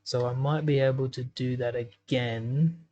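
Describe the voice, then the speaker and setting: A man's voice: mid-range voice, fairly even intonation, measured pace, dark tone, lo-fi sound. A man giving casual commentary while editing a game map, thinking aloud with lots of ums. He has the hiccups. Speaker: gaming YouTuber.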